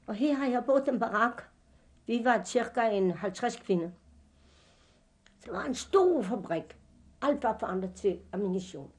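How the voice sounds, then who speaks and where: Older woman, halting speech. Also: fairly high pitch. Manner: halting, with fillers and slips of grammar. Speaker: witness recounting her past. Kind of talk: personal testimony.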